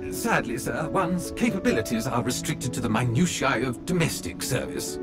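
A man with a medium-pitched, expressive, natural voice talks at a moderate pace over game music. He voices a prim, polite butler robot in a video game, formal and deferential, addressing his master in the third person.

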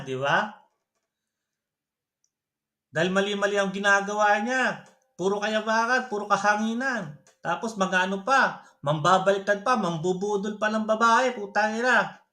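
A man's voice: high voice, normal speed, bright, forceful tone. A man talking casually on a livestream, taunting a rival and laughing often. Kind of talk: reaction livestream talk.

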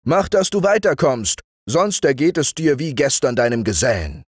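A man voicing a bold young shepherd who shouts defiantly at giants. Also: mid-range voice, big pitch swings, normal speed, slightly rough, no echo, studio quality, voice pushed up.

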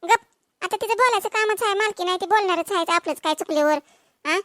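A woman voicing a bossy but soothing village coworker in a cartoon, scolding briskly. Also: very high voice, fairly bright tone, no echo. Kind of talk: dubbed cartoon voice.

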